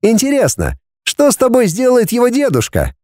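A man's voice: high voice, wildly swooping pitch, normal speed, darkish tone, no room sound, studio quality, pitched above the performer's own voice. A man voicing a good-natured young man turned cruel blackmailer, purring one moment and cold the next. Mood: mocking, menacing. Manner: cheerfully menacing, purring then cold. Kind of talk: audiobook character voice.

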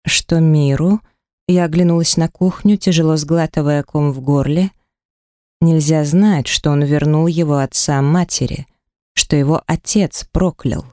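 A narrator reads a first-person audiobook in a measured, steady way. The voice is mid-pitched. It is recorded in a studio with a very dry, close sound. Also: no room sound.

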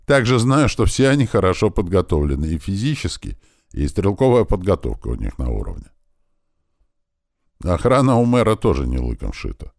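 Super deep male voice reading an audiobook, lively storytelling, dry close sound. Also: normal speed, creaky, dry recording. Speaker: audiobook narrator. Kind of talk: first-person audiobook narration.

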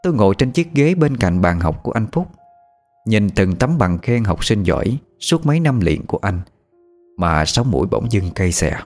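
A man with a low, lively voice tells a ghost story in the first person, measured and expressive. Faint music sits under his narration throughout.

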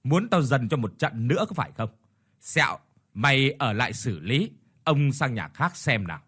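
A man voicing a cruel, hot-tempered rich landlord who shouts and hisses threats at his debtors in a storybook reading. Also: mid-range voice, big pitch swings, moderate pace, slightly rough. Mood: contemptuous.

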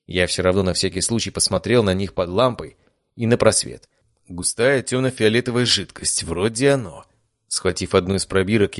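A man narrating an audiobook in a steady, even storytelling manner. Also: fairly low pitch, no echo, clean studio sound.

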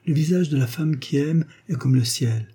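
A man reading aloud voices a devoted young woman, gentle and earnest, lifting his voice for her. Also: on the high side, normal speed, breathy edge, pitched above the performer's own voice. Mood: tender.

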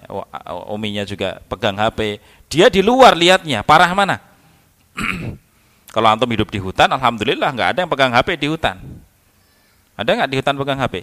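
A man giving a religious study lecture in a conversational, animated way, acting out children and parents as he talks. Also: on the low side. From Indonesia. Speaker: Islamic teacher.

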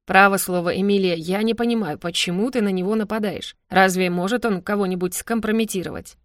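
A woman's voice: medium pitch, steady tone, a little fast, no echo, studio quality, close to an everyday voice. A woman voicing an imperious elderly grandmother who speaks firmly and commandingly.

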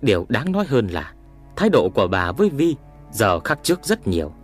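A man narrating a horror story in a dramatic, expressive reading. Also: on the low side, brisk, husky, soft background music.

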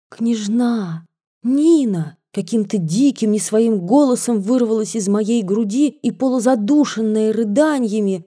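A woman narrating a story as an audiobook reader, measured and softly expressive. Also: mid-range voice.

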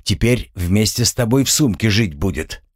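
A man voicing a calm, sardonic young man who teases with a deadpan manner in a read-aloud story. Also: on the low side, normal speed, no room sound, clean studio sound. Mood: mocking. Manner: deadpan and teasing.

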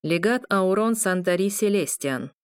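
A woman's voice: mid-range voice, animated, unhurried, clean tone, no room sound, studio quality, lightly acted. A woman doing a smug, cocky legate man. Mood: formal. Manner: boastful and sly.

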